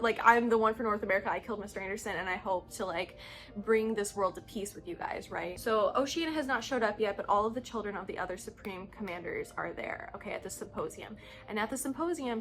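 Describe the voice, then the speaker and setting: An excitable young woman recaps a novel series in a loose, chatty way, peppering her talk with "like". Her voice sits at an ordinary pitch for a woman. Faint background music plays behind her. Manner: excitable, heavy use of "like". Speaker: book vlogger. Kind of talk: casual book recap.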